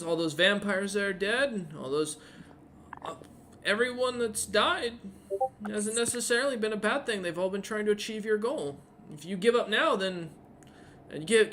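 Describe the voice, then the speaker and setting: A man's voice: high-pitched, fairly bright tone, slight background noise, voice pushed up. A man voicing an earnest young boy who is hopeful and grieving. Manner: earnest, pleading.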